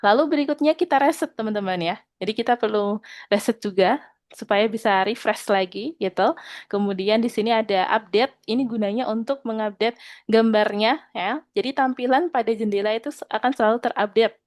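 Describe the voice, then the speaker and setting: A woman teaching an online programming lesson. She speaks patiently, keeps checking in with her students, and slows down when she reads out code. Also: a little high, darkish tone, no room sound.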